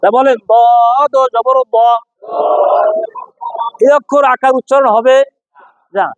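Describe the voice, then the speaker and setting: A man's voice: extremely high pitch, flat delivery, takes it slowly, dry recording, dull audio. A man teaching pronunciation to a class, repeating sounds and quizzing students in call-and-response drills. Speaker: Quran reading teacher.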